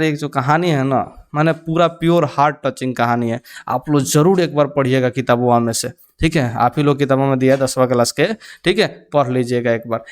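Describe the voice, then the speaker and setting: A man's voice: on the high side, smooth. A young man teaching an exam-prep lesson. He keeps asking his students to repeat the answer back and drops joking asides in local dialect. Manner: call-and-response questioning with "kya ho jayega ji?".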